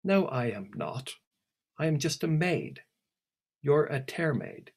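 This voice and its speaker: A man reading aloud and voicing a haughty, contrary young mermaid girl, bossy and careless in manner, with a slightly husky voice. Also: on the high side, big pitch swings, slow, voice pushed up, exaggerated voice.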